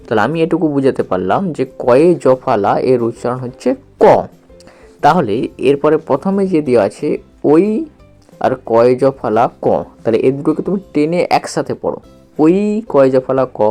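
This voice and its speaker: A man teaching a basic reading lesson, slowly spelling out each syllable and asking the learner questions as he goes. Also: medium pitch, warm tone. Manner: slow, repetitive, patient explaining with questions to the learner.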